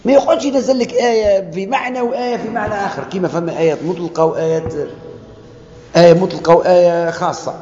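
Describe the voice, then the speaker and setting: A man with a Tunisian Arabic accent giving a classroom lecture on scripture. He talks in an animated way, acts out quoted dialogue and asks the class questions. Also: high-pitched, fast talker, a little hiss or hum. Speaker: lecturer on Quranic sciences. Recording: echoey lecture hall, dull lo-fi sound.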